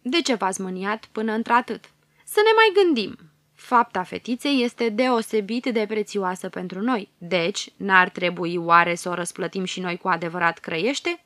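A woman voicing a calm, peacemaking female bear fairy in a storybook reading, speaking in a soothing, conciliatory way. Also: mid-range voice, no echo, lightly acted.

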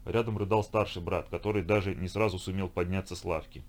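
A man narrating an audiobook in a steady, measured way. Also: low voice. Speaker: audiobook reader.

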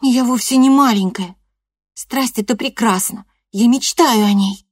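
A woman voicing a hot-tempered teenage girl who shouts back in shrill outbursts. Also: normal speed, no echo, clean studio sound, natural voice. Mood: defiant.

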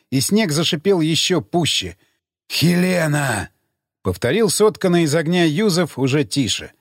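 A man narrating an audiobook in an expressive, theatrical style. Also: high voice, no echo, studio quality.

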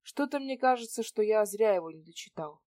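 A woman's voice: mid-range voice, lively intonation, fairly quick, darkish tone, dry recording, clean studio sound, close to an everyday voice. A woman voicing a spoiled, cynical man around forty who needles and mocks. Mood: pushy, sarcastic. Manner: sarcastic, needling questions.

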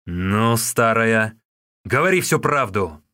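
A male reader voicing a fierce, vengeful young warrior who threatens loudly and forcefully. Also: on the low side, animated, takes it slowly, dry recording, clean studio sound, heavily acted. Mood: furious.

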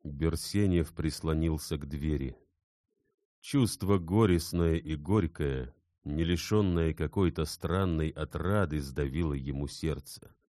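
A man narrating a classic novel in a measured, dramatic storytelling manner. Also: rumbling low, warm tone, dry recording, clean studio sound. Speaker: audiobook narrator. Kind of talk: scripted literary narration.

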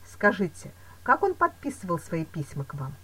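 A wary fencing master speaks slowly and deliberately, read by a woman with a husky edge and lively pitch. He weighs each doubt before voicing it, like a measured storybook character. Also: full character voice. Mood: reasoning. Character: calm, suspicious male fencing teacher. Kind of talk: audiobook character reading.

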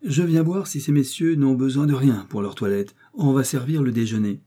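A man's voice: mid-range voice, normal speed, warm tone, slightly rough, close to an everyday voice. Man voicing a polite, deferential male valet.

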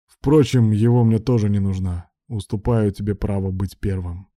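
Narrator doing a sly bossy guy, sarcastic and teasing, low dark voice. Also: steady tone, normal speed, no room sound, studio quality, lightly acted. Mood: mocking.

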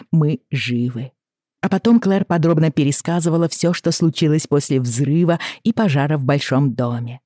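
A woman narrating a novel aloud in an expressive, dramatic reading. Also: low-pitched, no room sound, clean studio sound. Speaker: audiobook narrator. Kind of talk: scripted narration.

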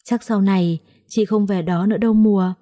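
A woman voicing a gentle, resigned young woman who speaks softly and calmly in an audiobook story. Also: medium pitch, a little fast, lightly acted. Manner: soft, calm and gently chiding.

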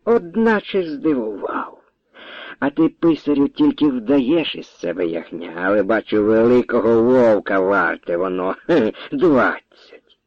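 A man's voice: on the low side, sing-song, unhurried, dry recording, lo-fi sound, exaggerated voice. A man voicing a proud, short-tempered Cossack colonel who bellows and scorns, in a storybook reading. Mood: mocking.

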